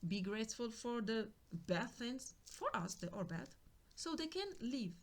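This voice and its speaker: Softly musing woman reading tarot. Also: on the high side, very animated, a little slow. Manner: musing, repetitive, drops into whispers. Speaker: tarot card reader.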